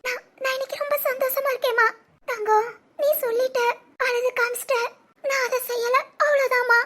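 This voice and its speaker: Very high, tearful young daughter, as a woman voices her. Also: fairly even intonation, fairly quick, a bit bright. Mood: tearful, pleading. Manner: sobbing, pleading, childlike. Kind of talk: cartoon voice acting.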